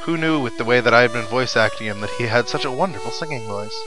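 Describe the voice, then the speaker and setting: Video game music plays behind a fast-talking man with a medium-pitched voice. He's a let's player, offering casual, chatty commentary on the game and tossing in wry asides.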